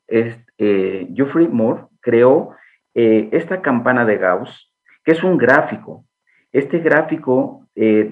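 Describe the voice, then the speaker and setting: A man of middling pitch delivers a lecture over an online connection, pausing often on fillers as he explains. His voice comes through thin and tinny, like a phone line. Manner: measured, with frequent fillers. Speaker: guest lecturer.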